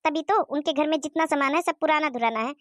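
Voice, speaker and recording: A woman's voice: high-pitched, fast talker, no echo, studio quality, close to an everyday voice. A woman voicing a young married daughter who explains and complains to her mother. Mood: complaining.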